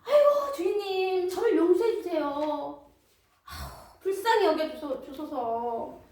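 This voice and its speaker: Woman preacher doing a high, wailing male debtor in a sermon; roomy, far-off sound. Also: lively intonation, a little mellow, a little hiss or hum, full character voice. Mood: pleading. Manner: wailing, drawn-out begging. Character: desperate male debtor servant, pleading and groveling. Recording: roomy hall from a distance.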